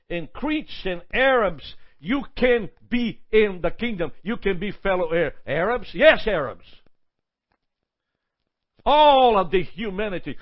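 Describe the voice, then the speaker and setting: A man's voice: high voice, dull audio. A man preaching a sermon, listing points emphatically, often stumbling and repeating words.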